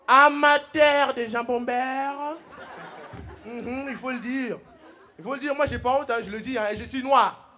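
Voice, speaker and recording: A man from the Congo doing loud, joking stand-up comedy on a TV stage, laughing through his lines. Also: very high-pitched. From Democratic Republic of the Congo. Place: TV studio stage with a live audience.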